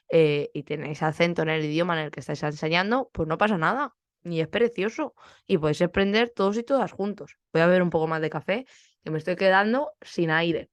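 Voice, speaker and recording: A woman's voice: lowish voice, clear, resonant tone, no room sound, clean studio sound. A young woman teacher from Spain, with a Spanish accent, chatting casually on her podcast and acting out bits of classroom dialogue.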